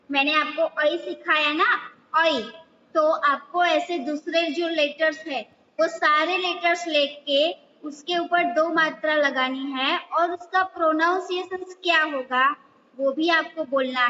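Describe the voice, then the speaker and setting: Slow, high-voiced woman teacher. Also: sharp tone, long reverb tail, dull audio, slight background noise. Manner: slow, patient drilling of letter sounds. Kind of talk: online class lesson.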